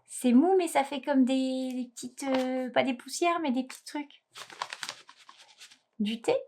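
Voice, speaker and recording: A woman vlogging casually about knitting gifts, gushing and exclaiming, often trailing off into soft murmurs. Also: sits high, a little slow, noisy background. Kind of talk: casual unboxing chat.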